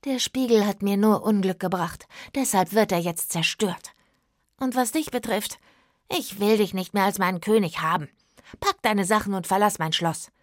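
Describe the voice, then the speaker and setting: A woman's voice: medium pitch, moderate pace, no echo, studio quality, natural voice. Woman as a firm young princess. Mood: resolute. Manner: firm, commanding. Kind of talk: children's radio drama.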